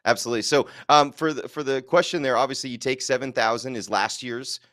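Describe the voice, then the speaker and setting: A man's voice: medium pitch, a bit bright, no room sound. A man answering as a guest expert, explaining at length with confidence and the odd quip. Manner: confident, explaining, quick jokes.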